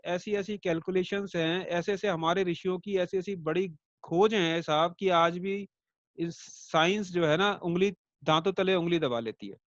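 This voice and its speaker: High-voiced male astrology teacher, chatty. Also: no echo, dull audio. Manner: conversational, with rhetorical check-ins to students; explains by everyday comparisons and light jokes. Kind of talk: online lecture class.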